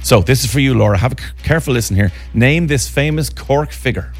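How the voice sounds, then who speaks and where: Lively, quick-talking Irish radio man. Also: medium pitch, faint music behind. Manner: jokey, teasing, chatty. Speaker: radio host and quizmaster. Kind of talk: casual live presenting and banter.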